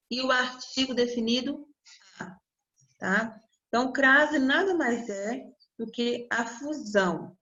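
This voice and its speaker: A woman with a Brazilian accent, her voice a little higher than most, explains grammar step by step to her class. She keeps checking in with her students as she goes. The sound is somewhat dull and lo-fi. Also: fairly bright tone. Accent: Brazilian Portuguese. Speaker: Portuguese teacher. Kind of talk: online class lecture.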